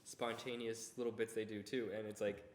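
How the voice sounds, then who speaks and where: Young man, lowish voice, rambling casual podcast chat, echoey room, background noise. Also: flat delivery, a little fast. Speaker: podcast co-host. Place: indoor room, around a table. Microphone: one shared mic on a table. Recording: echoey roomy shared mic, noisy.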